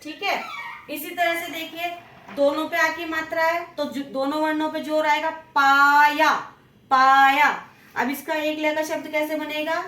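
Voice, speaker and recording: A woman's voice: high-pitched, level tone, normal speed, fairly bright tone. A woman teacher giving a children's lesson, stretching out each syllable as she sounds out words. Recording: echoey room, voice from a distance.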